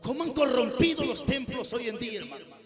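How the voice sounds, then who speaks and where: A male pastor with a Guatemalan accent preaching a fiery, scolding sermon at a church service, rising at times to shouts. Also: very high voice, brisk. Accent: Guatemalan Spanish. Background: music playing.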